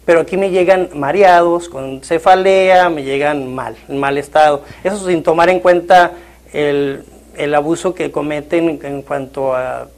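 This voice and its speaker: A man in his thirties, a shelter's medical worker, calmly answering interview questions in a clinical way with a lapel mic in a small office. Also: fairly high pitch, measured pace. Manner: calm, clinical, with frequent fillers.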